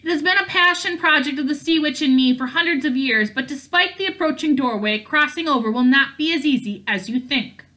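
A woman voicing the Snow Queen, an ancient, cold and menacing witch with a raspy, growling voice. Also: high-pitched, a little fast, hardly any pauses, sharp tone, rough recording.

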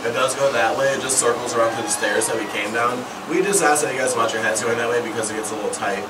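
A man's voice: medium pitch, fast. A young man giving a casual, wry, practised guided tour talk inside a rocky cave, with his voice echoing. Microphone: distant handheld camera mic. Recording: echoing cave, far from camera, loud noise.

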